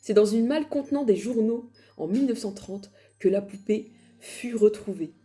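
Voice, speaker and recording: A woman's voice: medium pitch, lively intonation, moderate pace, dark tone, soft background music. A woman casually telling paranormal stories, chatty and laughing at herself, with dramatic emphasis. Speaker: paranormal storyteller. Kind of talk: casual storytelling.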